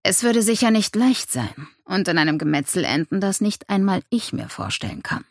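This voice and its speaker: A woman's voice: mid-range voice, big pitch swings, normal speed, no room sound, clean studio sound. A woman voicing a brooding, guarded male god. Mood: grim.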